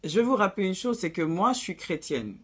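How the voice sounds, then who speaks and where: A woman's voice: mid-range voice, very animated, a little fast, slightly rough. A woman with an African accent giving blunt, preachy relationship advice in a casual vlog, dropping in English phrases.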